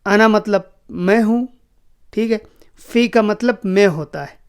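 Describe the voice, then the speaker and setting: A man teaching a spoken language lesson, slowly repeating each phrase for learners. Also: high-pitched, smooth. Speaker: Arabic teacher.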